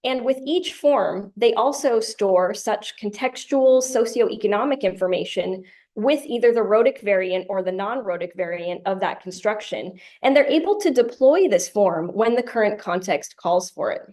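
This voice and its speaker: A woman presenting a conference tutorial, explaining ideas in a clear lecture style with light humorous asides. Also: medium pitch, animated, normal speed, darkish tone. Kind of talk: academic lecture.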